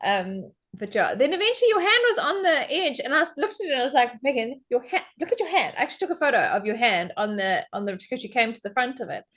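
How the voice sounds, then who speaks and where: Animated woman guest telling a story. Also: fast, hardly any pauses. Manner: animated storyteller, acts out quotes with big pitch jumps. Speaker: podcast guest. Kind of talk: casual chat.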